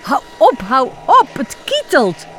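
A woman's voice: big pitch swings, slow pace. Woman doing a wailing boy clown. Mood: cheerful. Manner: wailing, high and loud cries. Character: boy clown pretending to be sick, whiny.

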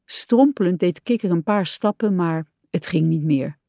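A woman reading a children's story aloud in a calm, even storytelling voice. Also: on the low side, normal speed, dry recording, clean studio sound.

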